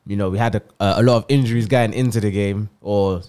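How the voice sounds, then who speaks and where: A man's voice: on the low side, steady tone, quick pace, mellow, smooth. A man, casually discussing football as a podcast co-host.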